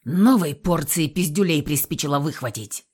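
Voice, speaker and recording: Woman doing a male thug, low, coarse, mocking, swearing, lively swings, audiobook voice. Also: moderate pace, slightly rough. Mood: mocking crude. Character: crude drunk male thug guard. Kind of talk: audiobook reading.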